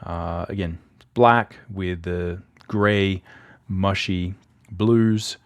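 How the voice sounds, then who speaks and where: A man's voice: low-pitched, steady tone, very slow, dry recording. A man teaching illustration, talking through images in a loose, conversational way with frequent fillers and restarts. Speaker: art instructor. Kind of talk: casual explanatory commentary over images.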